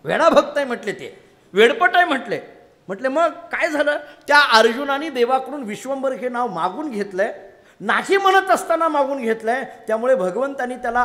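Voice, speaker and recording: A man with a Marathi accent preaches a devotional discourse with storyteller flair. His voice sits high for a man, and he swings between hushed asides and loud, animated bursts as he acts out the dialogue. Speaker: kirtan preacher.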